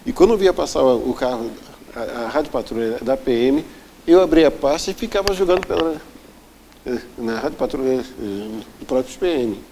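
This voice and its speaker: A man's voice: mid-range voice, expressive, moderate pace, dark tone, slight background noise, low-quality recording. A man being interviewed, earnestly retelling a painful personal story and acting out the people in it. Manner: earnest, vivid retelling that often acts out the people involved. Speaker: interview guest.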